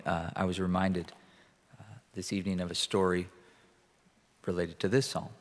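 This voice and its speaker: A man preaching as a pastor and reading scripture aloud, earnest and deliberate, with pauses between phrases. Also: low voice. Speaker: pastor leading a church prayer meeting. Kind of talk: sermon with Bible reading. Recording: reverberant hall, long echo.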